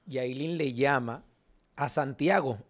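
A man's voice: medium pitch, slow pace. Explaining man. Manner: explanatory, insists on being understood. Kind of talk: entertainment gossip talk.

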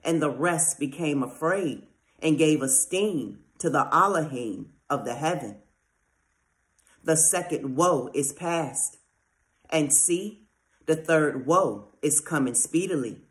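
Slow, solemn scripture reader. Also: mid-range voice, animated. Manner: slow, solemn, deliberate delivery. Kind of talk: measured scripture reading.

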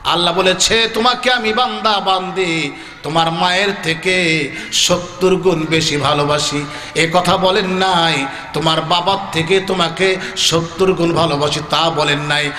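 A man from Bangladesh preaching a sermon as a chanted story, rising into high shouted, sing-song climaxes. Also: steady tone, unhurried, roomy sound, long reverb tail, slight background noise.

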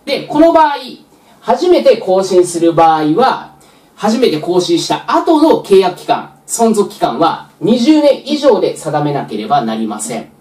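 Female exam tutor, animated intonation, explains patiently step by step; recorded off-mic in an echoey room. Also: on the low side, a little slow. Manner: patient, step-by-step, frequent filler "まあ". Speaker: real estate exam tutor. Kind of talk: explanatory lecture. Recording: roomy echo, distant mic.

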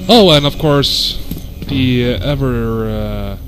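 Brief: unhurried male gamer narrating his play, stumbling over fillers, over loud music. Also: mid-range voice. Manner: rambling, halting, frequent fillers, swears at the game. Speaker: gameplay commentator. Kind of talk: casual let's-play commentary. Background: loud game music.

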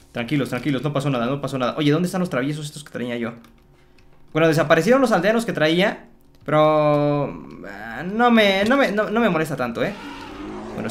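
A man commentating his Minecraft play for viewers, excitable and chatty, repeating words and exclaiming. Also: a little high, a little hiss or hum. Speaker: gaming YouTuber.

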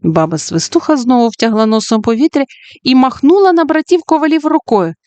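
A woman narrating a children's fairy-tale audiobook in an expressive storytelling way, at times speaking to the young listener. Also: high-pitched, a little fast, no room sound, lo-fi sound.

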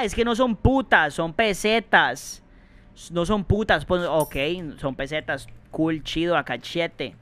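A young man giving excitable, swear-filled commentary while streaming a game, yelling when scared. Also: a little high, slight background noise. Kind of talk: let's play commentary.

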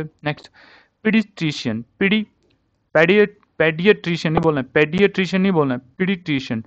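A man with a slightly high voice teaches vocabulary in a relaxed, chatty way, saying each word again and again so the listener picks up how it sounds. He switches freely between Hindi and English. The recording is dry and dull, with a lo-fi edge. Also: no room sound. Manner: repeats words over and over, drilling pronunciation. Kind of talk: casual spoken lesson on word pronunciation.

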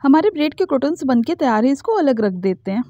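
A woman talks through a home recipe in a calm, instructional voice-over. Her voice sits high but has a mellow tone. The recording is dry and a little dull, like a lo-fi home take. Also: fast, no room sound. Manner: calm, instructional, explains each step. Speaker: cooking channel host. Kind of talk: step-by-step cooking voice-over.

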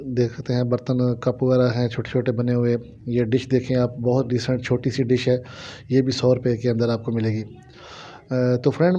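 A man with a Pakistani accent and a mellow, medium-pitched voice narrates a casual shopping vlog in a small shop, showing off the goods. He explains things repetitively to viewers, filming on a handheld phone whose audio sounds dull and lo-fi.

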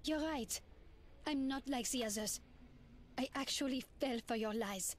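A woman's voice: sits high, unhurried, very noisy. A woman playing an earnest, distrustful young woman in a video game, with emotional, accusing delivery. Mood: hurt, accusing. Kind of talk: video game character acting. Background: music.

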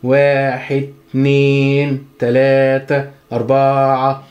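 A man with an Egyptian Arabic accent giving a chatty, joking guitar lesson, counting the beats out loud. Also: mid-range voice, monotone, slow, muffled recording. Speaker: guitar teacher. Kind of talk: casual spoken music lesson.

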